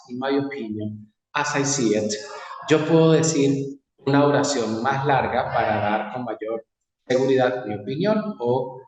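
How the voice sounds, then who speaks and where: Slow-paced man teaching in an echoey hall. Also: mid-range voice. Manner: slow, drilled English model phrases. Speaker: English teacher. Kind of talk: classroom lesson. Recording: echoey hall, far from mic.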